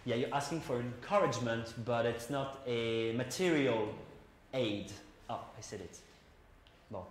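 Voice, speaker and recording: A man's voice: medium pitch, slow pace. A male English teacher talks his class through a lesson, explaining at length and tossing questions out to the students. The recording carries a roomy classroom echo with a faint hum of background noise.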